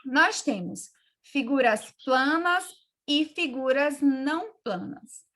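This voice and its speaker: A woman teacher from Brazil explaining geometry in a remote class, calm and checking in with her pupils. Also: high voice, slow pace.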